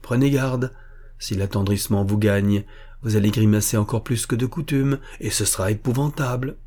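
Man doing a nasty vengeful jailer, menacing, kinda raspy. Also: lowish voice, normal speed, warm tone, close to an everyday voice. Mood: cold menace. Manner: cold, menacing, then raging. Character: cruel vengeful male jailer lord.

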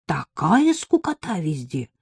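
A woman doing a blunt, excitable schoolgirl. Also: low voice, slow, gravelly, husky, dry recording, clean studio sound, full character voice. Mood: frank, excitable. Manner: frank, excitable. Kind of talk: audiobook narration.

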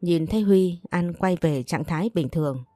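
A woman narrating a scripted audio story in a steady, matter-of-fact way. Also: lowish voice, normal speed, dry recording, faint music behind.

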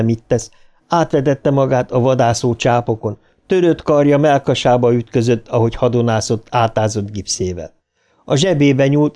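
A man narrates a horror novel in a steady, mid-pitched voice. His delivery is scripted and dramatic, rising in pitch when the action turns tense. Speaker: audiobook narrator.

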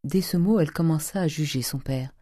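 A man reads a classic novel aloud at a measured, even pace. His voice is dark and mellow. The recording is dry and close. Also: fairly high pitch, dry recording. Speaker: audiobook reader. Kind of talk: literary narration.

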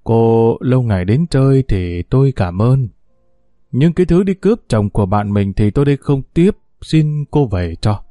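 A man's voice: mid-range voice, animated, moderate pace, mellow, no echo, clean studio sound, soft background music, close to an everyday voice. A man voicing a stern older mother who scolds bluntly and coldly in an audiobook story. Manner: curt, scolding. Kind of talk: audiobook character voice.

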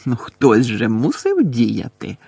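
A man's voice: medium pitch, huge pitch swings, warm tone, dry recording, exaggerated voice. Umbridge, a man voicing a sugary, cruel witch. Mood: gloating. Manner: slow, gloating, breathy menace. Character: cruel sugary middle-aged woman professor.

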